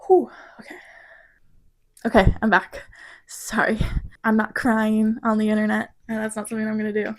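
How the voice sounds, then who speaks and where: A design student from Missouri in her twenties reflects on her project in a vlog, sometimes halting and emotional. Her voice is medium-pitched and monotone.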